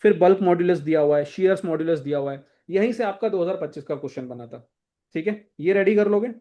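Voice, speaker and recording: A young man with a high-pitched, mellow voice talks fairly quickly over lo-fi audio as he preps students for an exam. In a casual, directive style he works through textbook chapters, repeatedly saying "thik hai" to check in with his listeners.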